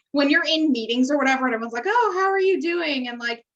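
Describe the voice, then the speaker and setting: A woman's voice: high voice, brisk, fairly bright tone. A woman podcast co-host chatting casually on a remote call, in a bubbly and chatty way. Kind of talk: casual chat. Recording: dull, lo-fi call audio.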